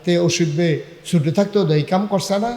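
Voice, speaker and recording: A man preaching a sermon, loud and emphatic, shouting out to the crowd and drawing answers back from them. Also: high-pitched, fairly even intonation, fast talker. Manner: calls and answers with the audience. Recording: echoey hall with long reverb.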